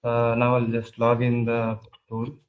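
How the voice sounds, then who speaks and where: A man pitching his team's project in a product demo, talking over a video call while sharing his screen, halting and full of filler sounds. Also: monotone. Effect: video call audio while sharing his screen. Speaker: hackathon team presenter. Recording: muffled video call audio.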